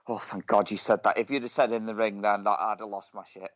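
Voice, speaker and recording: A man's voice: fairly low pitch, steady tone, quick pace, dry recording. A man co-hosting a podcast, cheeky and teasing with crude jokes. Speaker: podcast co-host. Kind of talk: casual chat. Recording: dull lo-fi dry sound.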